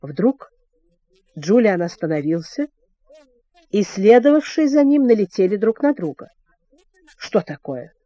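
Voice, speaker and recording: Expressive woman storybook narrator, mellow, fairly high, very lively pitch. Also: measured pace, long pauses, no room sound, dull audio. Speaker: audiobook narrator.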